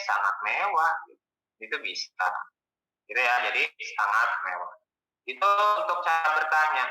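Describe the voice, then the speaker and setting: A male tutor leads a casual exam-prep lesson in a medium-pitched voice that is very bright and crisp. He explains in a relaxed, colloquial way, asking questions and answering them himself, and he's recorded from a distance in a roomy, echoey space.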